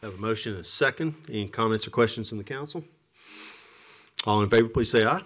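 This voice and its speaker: A man chairing a council meeting as mayor in a measured, formal manner. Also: lowish voice, a bit bright.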